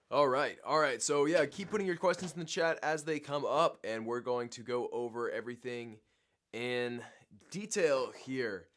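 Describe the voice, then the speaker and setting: A man co-hosting a livestream, his voice worn from being sick. He explains each step in an upbeat, methodical way at a middle pitch. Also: fairly bright tone. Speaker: co-host. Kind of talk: livestream tutorial.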